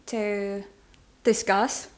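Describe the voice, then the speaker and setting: A thirty-year-old woman from Taiwan, a native Mandarin speaker with a Taiwanese accent, hosts a casual vlog chat, giggly and hesitant. Her mid-range voice is flat and extremely slow, with a little hiss or hum.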